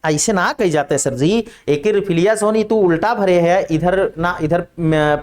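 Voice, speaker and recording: A man's voice: sits high, a little slow, darkish tone. Man playing a cheeky village schoolboy. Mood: teasing. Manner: speaks in a broad village dialect. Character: cheeky rustic schoolboy mocking his teacher.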